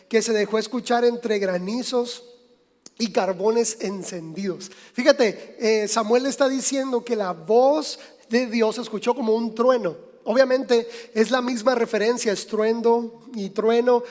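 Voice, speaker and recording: A man with a Mexican accent preaching a sermon as pastor, in a conversational way that speaks straight to the listeners. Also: high voice. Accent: Mexican Spanish. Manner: conversational, addresses listeners directly. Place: church sanctuary. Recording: long church reverb.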